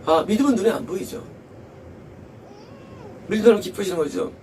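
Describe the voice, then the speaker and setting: A man's voice: high-pitched, lively intonation, brisk, a little mellow, distant mic, a little hiss or hum, rough recording. A male pastor preaching a sermon with emphasis, repeating key phrases and asking rhetorical questions.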